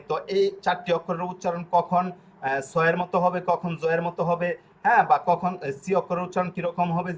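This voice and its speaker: A man with a fairly high-pitched voice teaches a language class. He goes over each point slowly and repeats it, often pausing on fillers. A faint ambient hiss sits under the recording. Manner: slow, repetitive explaining with frequent fillers. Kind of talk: online class lesson.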